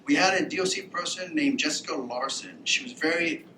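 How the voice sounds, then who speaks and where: A man from Texas who pronounces his R's like W's, giving an informal, animated conference presentation. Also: a little fast. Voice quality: cannot pronounce R, says w for r. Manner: informal, animated storytelling with acted-out quotes. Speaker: workforce agency presenter, Marine veteran. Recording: echoey room with background rumble.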